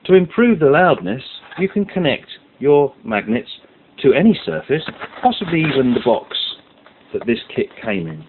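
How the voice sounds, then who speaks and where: A man with a medium-pitched, sing-song voice talks at a moderate pace, leading a hands-on science tutorial step by step and stressing the key words as he methodically explains each stage. The audio is muffled and lo-fi, with hiss in the background.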